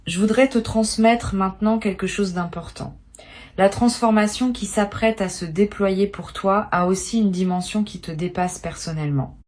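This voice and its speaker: A woman giving a spiritual tarot reading, speaking to the listener in a calm, measured and reassuring way. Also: medium pitch. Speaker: tarot reader.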